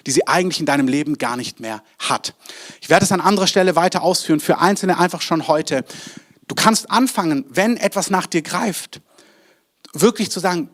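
Man preaching, fairly high voice, earnest and direct, gets fired up. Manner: earnest and direct, addresses listeners as du, rising in fervor. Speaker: pastor. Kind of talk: sermon.

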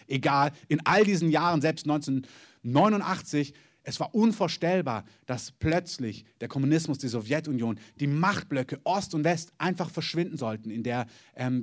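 A man preaching a sermon, telling a story with emphatic repetition and often closing his points with "Amen". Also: medium pitch.

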